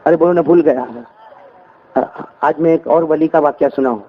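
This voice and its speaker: Male preacher, high voice, call-and-response sermon, lo-fi sound. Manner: animated call-and-response with the congregation. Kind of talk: sermon storytelling.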